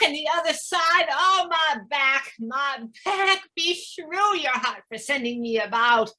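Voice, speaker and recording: A woman's voice: high-pitched, sharp tone, heavily acted. Woman playing a fussy Southern nurse. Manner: dawdling, complaining, drawn-out. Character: fussy aging nurse, aching and teasing. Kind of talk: stage acting of verse drama.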